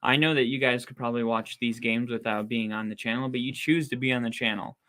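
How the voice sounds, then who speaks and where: Doing live play-by-play for his podcast, a young man chats fast in a bright, forceful, mid-range voice and gets loudly incredulous at the action. He's been talking so long that his voice is starting to go.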